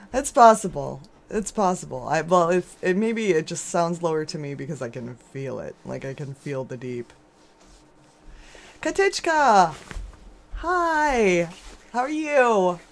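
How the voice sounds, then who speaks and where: While gaming on stream, a woman chats casually with her viewers, her voice hoarse, scratchy, and lower than normal because of a sore throat. She rambles on, often restarting sentences and laughing.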